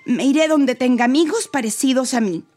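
A woman voicing a shy, anxious little boy in a storybook, talking high and slow with hesitant stammers. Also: natural voice. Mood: sad. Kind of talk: storybook character voice. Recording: soft music playing behind.

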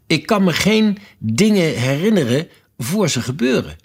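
Give me a man playing a curious, polite young girl from a storybook, a bit high and slightly husky. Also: sing-song, measured pace, full character voice. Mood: puzzled. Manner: earnest, wondering questions.

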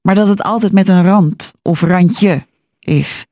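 A woman hosting a radio interview, asking calm, probing questions. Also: mid-range voice, slow pace, no room sound, clean studio sound. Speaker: radio host.

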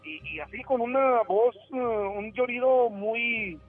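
A man, calling into a radio show and telling a ghost story in a halting, rambling way with many restarts. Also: very high voice. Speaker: radio caller. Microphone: telephone. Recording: tinny phone line with faint music.

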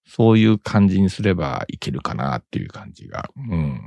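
A low-pitched man hosts a relaxed studio radio talk, his voice swinging widely up and down as he rambles. He fills the gaps with little murmurs and chuckles. The sound is close and dry. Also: a little fast, gravelly, no echo, muffled recording. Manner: rambling and chuckling, with many "mm" fillers. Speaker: radio show host. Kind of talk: casual studio chat.

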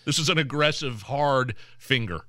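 A man's voice: mid-range voice, moderate pace, sharp tone, no echo, studio quality. A man co-hosting a radio show with casual comic banter and exclamatory storytelling.

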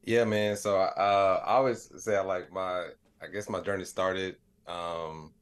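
A middle-aged American man, a comedian and digital creator, answers a podcast interviewer's questions in a laid-back, reflective storytelling style. His voice sits low with fairly even intonation, and he talks a little slowly.

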